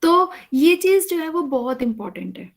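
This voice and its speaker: A woman's voice: high voice, very animated, normal speed, vocal fry. Woman teacher giving an online lecture. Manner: explains patiently, often checks with "है ना?". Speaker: college teacher.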